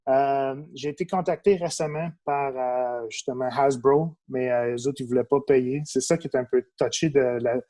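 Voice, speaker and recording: Here a toy photographer guests on a podcast: a young adult man from Quebec with a Québécois accent who speaks English natively. His mid-range voice keeps a normal speed with few pauses. He's relaxed and conversational, often using fillers and starting over.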